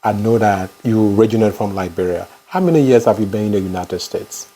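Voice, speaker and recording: A man hosting his own interview channel, introducing his guest in a formal, deliberate way. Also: lowish voice, warm tone. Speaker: interview host, YouTuber.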